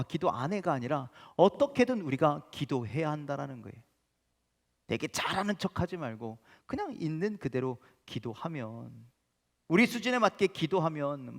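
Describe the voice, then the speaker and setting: A male pastor giving an animated, emphatic sermon in a church sanctuary. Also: fairly high pitch. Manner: animated, emphatic preaching with sudden loud rises. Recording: long church reverb.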